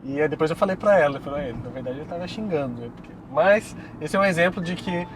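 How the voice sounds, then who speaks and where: A man's voice: a little high, quick pace. Chatty Brazilian man in a car. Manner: relaxed, chatty, laughs often. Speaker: co-host, Korean teacher. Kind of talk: casual advice chat. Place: inside a moving car. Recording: faint car noise. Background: faint vehicle noise.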